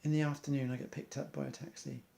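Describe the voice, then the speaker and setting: A man's voice: medium pitch, flat delivery, fast, creaky, dark tone. A man, an amateur athlete, earnestly reciting an inspirational monologue in loose rhymes.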